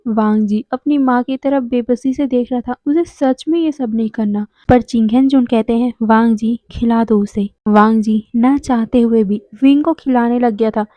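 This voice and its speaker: High-voiced woman telling a story. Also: moderate pace, dry recording. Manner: expressive, chatty storytelling. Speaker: story narrator. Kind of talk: story retelling narration. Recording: dry, dull lo-fi sound.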